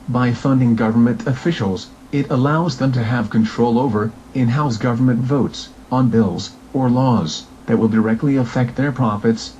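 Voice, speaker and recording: A man with a dark, relaxed voice of middling pitch reads a scripted political message. His delivery is formal and declarative. The recording is dull and lo-fi. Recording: dull lo-fi sound, faint noise.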